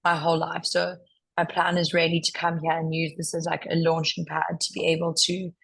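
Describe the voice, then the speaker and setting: Hoarse South African woman, low creaky voice. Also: monotone, brisk, fairly bright tone, rough recording. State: hoarse, partly lost voice. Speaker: master's student. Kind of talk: casual testimonial on a panel chat.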